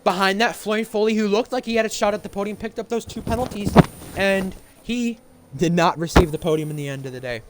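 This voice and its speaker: A man's voice: high voice, fast talker, background noise. A man commentating live on sim racing, calling the action play by play as a motorsport commentator.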